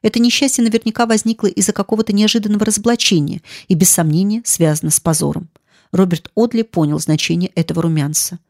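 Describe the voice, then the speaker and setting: A woman narrating a classic novel in an audiobook, in a calm, even storytelling way. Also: medium pitch, quick pace, no echo, clean studio sound.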